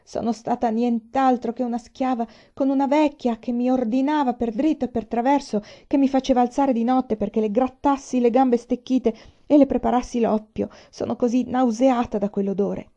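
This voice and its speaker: A woman reader gives voice to a young servant girl worn down by years of hardship. She speaks with tearful, bitter passion, climbing high and loud. The reading's tone is dark and mellow, and the recording is dull and lo-fi. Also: fast, creaky, few pauses. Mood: sobbing. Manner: tearful, impassioned, voice rising.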